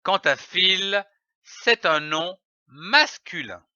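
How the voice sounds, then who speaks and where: A man teaching a reading lesson for young children, spelling out letters and syllables slowly and deliberately. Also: high-pitched, animated, sharp tone, smooth, no echo. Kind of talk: slow, carefully articulated phonics lesson. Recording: dry, dull lo-fi voice-over.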